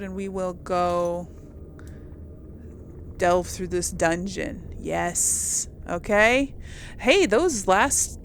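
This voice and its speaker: A woman with a mid-range voice hosts a gaming video, offering casual let's play commentary that is informal, hesitant, and chatty, including role-played replies. Video game ambience and slight background noise are present.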